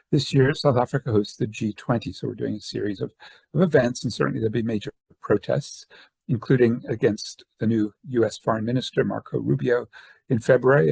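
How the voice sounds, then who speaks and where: This older man's medium-pitched voice has vocal fry and is a little mellow and slightly rough, captured in a dry recording. Born in Northern Ireland and raised in the southern US, he is an academic and activist giving a semi-formal conference presentation over video call, his phrasing hesitant and discursive.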